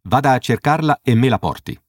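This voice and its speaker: A man's voice: mid-range voice, expressive, brisk, no echo, studio quality, pitched above the performer's own voice, lightly acted. A man reading an audiobook voices a stern, exasperated police sergeant who scolds sharply.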